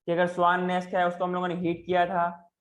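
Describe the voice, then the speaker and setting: A male teacher giving a lecture in an online class, keeps checking whether students follow and slows down into halting English phrases. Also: high voice, monotone, fairly bright tone.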